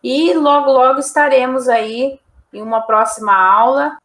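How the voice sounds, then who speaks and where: A woman's voice: sits high, unhurried, a bit bright, roomy sound. A woman teacher giving a recorded online lecture, explaining examples one by one with frequent tag questions.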